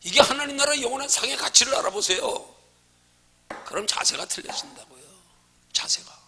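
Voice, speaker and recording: A male pastor giving a Bible study sermon in a church. He speaks emphatically, asks rhetorical questions, and swings between loud urging and hushed asides. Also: very high voice, lively intonation, a little fast, creaky.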